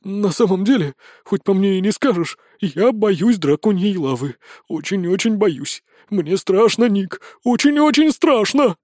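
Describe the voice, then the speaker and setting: A man's voice: high-pitched, slow pace, dry recording, clean studio sound, pitched above the performer's own voice. A man voicing a chubby, timid boy wizard-fairy who trembles and stammers in fear. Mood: frightened.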